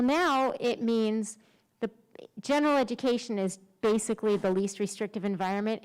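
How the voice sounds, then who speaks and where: A woman's voice: on the high side, a little mellow, clean tone, poor audio. A middle-aged woman giving a conversational conference presentation, informal and self-deprecating, speaking through a face mask that slightly muffles her words. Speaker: special education director presenting.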